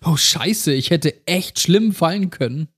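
A man voicing a cheerful young wife in a spoken horror story, brisk and reassuring in a raised voice. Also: fairly high pitch, lively intonation, a bit bright, slightly rough, voice pushed up, heavily acted. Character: cheerful young wife renovating a cabin, upbeat.

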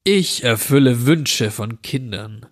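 A man voicing a menacing male intruder who grants children's wishes, speaking slowly with a drawl. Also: mid-range voice, expressive. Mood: mocking. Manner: slow, drawling, sinister.

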